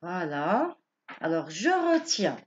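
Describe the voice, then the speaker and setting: A woman teacher gives a grammar lesson at an unhurried pace, her voice rising and falling in a lively way. She is patient and repeats each point in other words. The recording sounds dull and lo-fi. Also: lowish voice. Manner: patient, explains slowly with many rephrasings.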